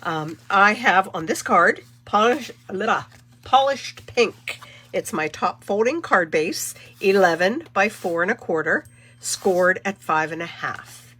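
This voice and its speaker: Stuffy from a cold, a middle-aged card-making channel host chats her way through a casual live demo, rambling and self-correcting. Her mid-range voice is expressive, slow, husky and a bit bright.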